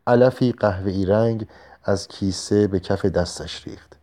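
Calm low-voiced male storyteller. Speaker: audiobook narrator. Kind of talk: scripted narration.

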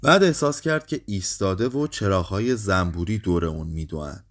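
A man reading a short story aloud, lively, raising his voice for the quoted lines. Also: low-pitched. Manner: lively, acts out quoted speech with raised voice.

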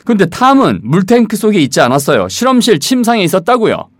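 Man, English teacher, animated delivery, pitch swings wide, dry studio voice. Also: fast talker, no echo. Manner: animated, acts out story lines in a high voice. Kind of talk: bilingual English lesson.

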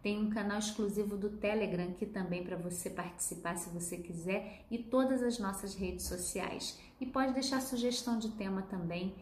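A woman who hosts a self-help talk and gently guides viewers, speaking to them directly. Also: medium pitch, fairly even intonation, normal speed, few pauses, slight background noise. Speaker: host, emotional wellness guide. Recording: roomy echo, faint ambience.

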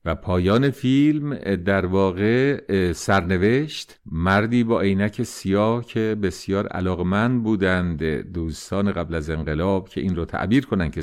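Male podcast storyteller, conversational, low voice, animated delivery. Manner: conversational, with personal asides. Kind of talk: podcast storytelling in modern retelling.

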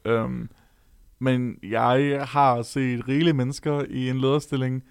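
A man's voice: medium pitch, level tone, gravelly, smooth, dry recording, studio quality. A young man chatting casually on a podcast, hesitant and full of filler sounds.

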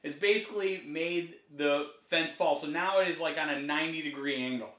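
Middle-aged guy rambling thru a story on a comedy podcast, kinda high voice, echoey room. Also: a little fast. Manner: rambling storyteller, animated, many restarts. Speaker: podcast co-host. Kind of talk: casual comedic chat. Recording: roomy echo.

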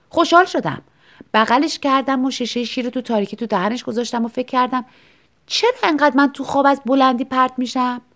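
A woman narrating a scripted story in an expressive, lively way. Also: on the high side.

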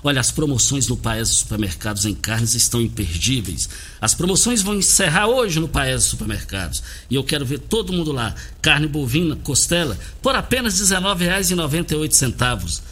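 Animated radio man doing a hard-sell ad. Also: medium pitch, fairly quick. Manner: emphatic, promotional hard sell. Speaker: radio host. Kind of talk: hard-sell live ad reads and radio interviewing. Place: radio studio.

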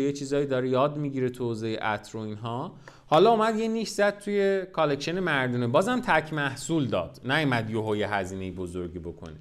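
A man hosting a podcast, telling a brand's history in a casual, lively storytelling way with rhetorical questions. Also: on the high side. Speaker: podcast host.

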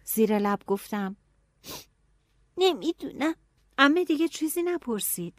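A woman narrating a novel in an expressive audiobook style, dropping to hushed tones and rising to anxious cries. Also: mid-range voice, no echo, clean studio sound.

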